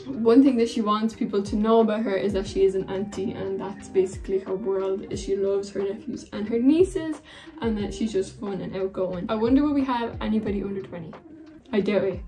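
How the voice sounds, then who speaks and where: A woman's voice: mid-range voice, a little fast, warm tone, faint music behind. A woman in her twenties casually gossiping and giving opinions in a reaction vlog. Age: 20s. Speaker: reaction vlogger.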